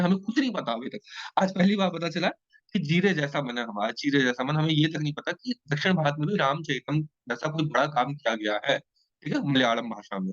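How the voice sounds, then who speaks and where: A man with a fairly high voice teaches an online exam-prep lecture, keeping it lively and playful and checking in with his students often. The sound is dull, lo-fi and dry, with no room sound.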